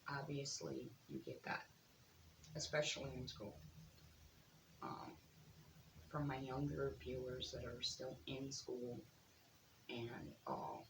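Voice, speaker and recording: Soft-spoken thirty-something vlogger, unhurried delivery, roomy echo on the recording. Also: mid-range voice, noisy background. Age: 30s. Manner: soft-spoken, slow, with frequent ums. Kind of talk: earnest direct-to-camera advice talk.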